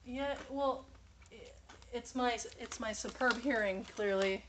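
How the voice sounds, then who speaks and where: A woman co-hosting a casual chat podcast, giggling often and tossing in quick playful asides. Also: on the high side, noisy background. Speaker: podcast co-host.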